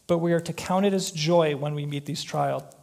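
A man giving a conversational sermon, relaxed and chatty, with joking personal asides. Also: a little high, normal speed, vocal fry. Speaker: preacher.

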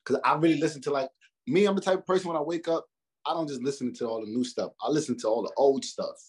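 Medium-pitched and breathy, this man in his twenties speaks quickly as a rapper guest in an interview. His talk is relaxed and full of slang, with plenty of fillers and false starts.

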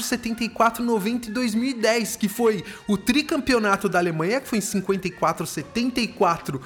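Brazilian music host, medium pitch, casual, slangy, enthusiastic show intro.

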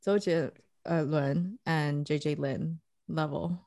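A woman's voice: sits low, steady tone, slow pace, crowd noise. A woman hosting a podcast in a teasing, casual way, often laughing. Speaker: podcast host.

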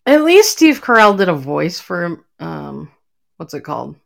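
Lively woman co-hosting a chatty podcast. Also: on the low side, unhurried, vocal fry. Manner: laughs often, chimes in. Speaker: podcast co-host. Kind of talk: casual chat.

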